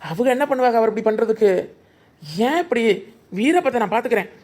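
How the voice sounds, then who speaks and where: A woman voicing a fast-talking calm young village man. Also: on the high side, close to an everyday voice. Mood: coaxing. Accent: southern Tamil Nadu village Tamil. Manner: coaxing, placating. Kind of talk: cartoon voice acting.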